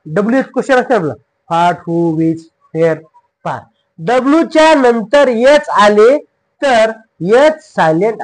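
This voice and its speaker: In a high voice over poor audio, a Marathi-accented man gives a classroom-style English pronunciation lesson. He spells each word letter by letter, drills it repeatedly, and teasingly scolds wrong answers.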